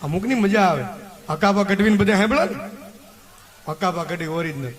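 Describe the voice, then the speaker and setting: Man, folk stage comedian, teasing, high bright voice, echoey PA sound. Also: normal speed. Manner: chatty, teasing, audience-rousing. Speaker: folk dayro performer. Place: outdoor village festival stage. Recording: echoey public-address reverb.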